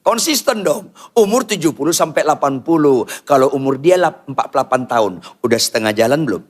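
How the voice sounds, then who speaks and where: An older man preaching a sermon in church, firing rhetorical questions at the congregation and swinging from quiet asides to loud outbursts. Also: on the high side, expressive, quick pace. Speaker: pastor.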